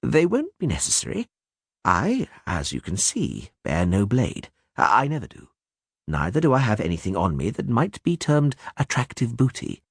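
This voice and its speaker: A man doing a measured, courtly grey-haired stranger. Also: fairly low pitch, huge pitch swings, gravelly, breathy edge, no echo, clean studio sound, full character voice. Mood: courteous. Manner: measured, polite and formal. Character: courteous grey-haired male vampire posing as a barber surgeon.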